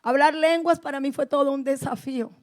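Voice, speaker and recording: A woman pastor giving her testimony in a sermon, speaking to her listeners directly and swinging between hushed and forceful delivery. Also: sits high, fairly even intonation, fairly quick.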